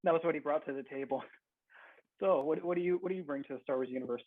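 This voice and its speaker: A man's voice: fairly high pitch, dry recording. A man joking around in a casual podcast chat, heard over a tinny call line. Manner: joking, quick-talking. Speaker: podcast guest.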